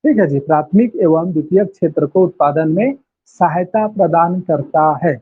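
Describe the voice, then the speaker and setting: A man's voice: fairly high pitch, normal speed, slightly rough. A male teacher giving an online class lecture, repeating key phrases and firing questions at his students. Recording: tinny lo-fi phone-like audio.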